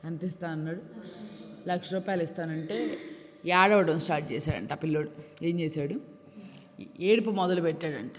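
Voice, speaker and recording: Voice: medium pitch, moderate pace, pauses often. A Telugu-accented pastor giving a sermon, telling a story and asking the listeners rhetorical questions. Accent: Telugu, Andhra Pradesh. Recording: long reverb in a hall.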